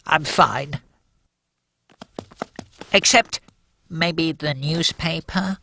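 A woman voicing a polite male penguin in a cartoon who has a stuffy sneezing cold and a gravelly, put-upon way of talking. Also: low voice, drawn-out words, fairly bright tone, slight background noise, exaggerated voice. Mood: sniffly. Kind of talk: cartoon voice acting.

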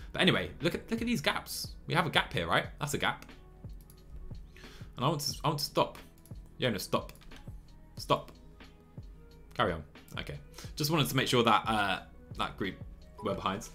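A medium-pitched young man in his twenties streams a cycling management game from a small room, talking through a headset. He's chatty and excitable, laughing often as he reads chat, giving live gameplay commentary.

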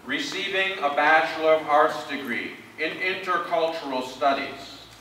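A man slowly and deliberately reading out graduates' names and degrees at a formal commencement ceremony. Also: fairly high pitch, sharp tone, a little hiss or hum. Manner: slow, measured, deliberate name reading. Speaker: commencement name reader. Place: large ceremony hall. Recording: echoey hall from far off.

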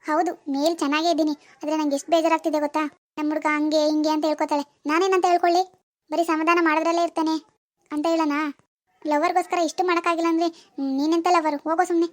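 Woman doing a sulky demanding young village woman, cartoon voice, very high-pitched, quick, sarcastic scolding tone. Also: little pitch movement. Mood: scornful. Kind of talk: cartoon dialogue voice acting.

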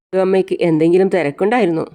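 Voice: mid-range voice, rapid-fire, dark tone, close to an everyday voice. Narrator playing a doting, coaxing father. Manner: coaxing, babying tone.

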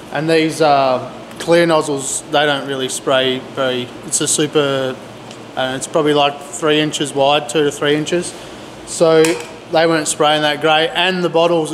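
A middle-aged man with a fairly high, fairly bright voice vlogs casually with a handheld camera. A DIY builder, he keeps things laid-back and slangy inside a large pole barn workshop, where the arm's-length camera mic records echo and distinct background noise.

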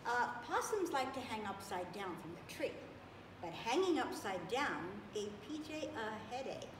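Distant roomy recording, older woman, highish voice, reading to a toddler, expressive, deliberate emphasis. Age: older, about 70s. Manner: animated, deliberate, with drawn-out emphasis for small children. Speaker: children's story reader. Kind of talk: expressive picture-book read-aloud, as if reading to a toddler. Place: bright indoor room with high ceiling. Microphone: camera several feet away. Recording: echoey, noisy room, distant microphone.

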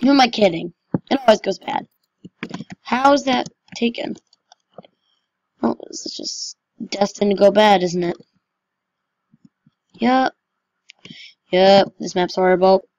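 A woman talks through her gameplay in a slow, unhurried way, chatty and quick to mock herself. The recording is dull and lo-fi, with a dry sound and no room echo. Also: mid-range voice, a little mellow. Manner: chatty and self-mocking. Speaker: gaming channel host. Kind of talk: casual gameplay commentary.

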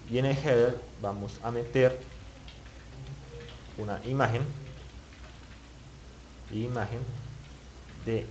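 A man's voice: lowish voice, dull audio, background noise. A man teaching web page building in a screen-recorded tutorial, thinking aloud and muttering as he clicks, with many restarts. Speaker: web development instructor.

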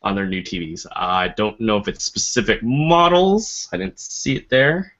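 A man's voice: fairly low pitch, moderate pace, a bit bright. A man co-hosting a casual tech podcast, presenting news items from his notes with frequent fillers and hesitations. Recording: dull lo-fi podcast audio.

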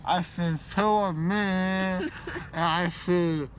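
A man's voice: sits high, fairly even intonation, takes it slowly. A young man rambling loopily and disjointedly in a casual vlog, groggy, with mumbly, slurred speech. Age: young adult. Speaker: vlogger. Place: inside a moving car. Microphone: phone at arm's length. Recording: noisy car interior phone recording. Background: car and road noise.

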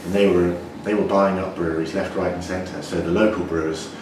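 A man in his forties, a brewer, explaining things in a measured way with frequent restarts during an interview in a brewery. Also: low voice, fairly even intonation. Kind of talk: interview answers. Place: indoor brewery floor. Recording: echoey, distant, noisy brewery room.

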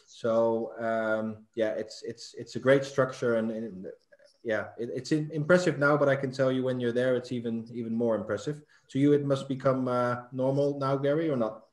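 A middle-aged man hosts a live online talk show from a webcam, speaking in a flat, even tone. His voice carries a roomy echo, and he leans on fillers and repeated words as he explains. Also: medium pitch, moderate pace. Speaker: host. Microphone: webcam on video call.

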